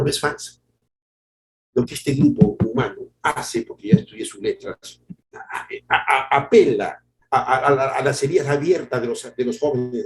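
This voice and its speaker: Animated pastor preaching. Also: male voice, on the high side, rough recording. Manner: animated preaching, acts out quotes, repeats words. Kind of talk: sermon.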